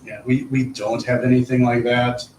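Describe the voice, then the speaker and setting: Reporting to a board, a male school administrator explains things in an informal public-meeting discussion, frequently repeating himself. His medium-pitched voice is a little mellow, with little pitch movement and normal speed. The indoor meeting room sounds echoey through a distant mic, with faint background noise.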